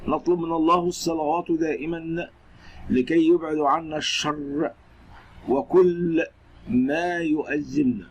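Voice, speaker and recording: A man's voice: fairly high pitch, a little slow, husky, poor audio. A man with an Egyptian accent narrating scripted news reports and commentary. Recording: steady background noise.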